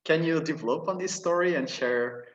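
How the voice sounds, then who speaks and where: A man's voice: a little high, highs cut off. Polite young man, roomy and distant. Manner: polite, halting, slightly formal questions. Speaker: interviewer, master student. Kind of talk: conversational interview. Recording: echoey room, distant from mic.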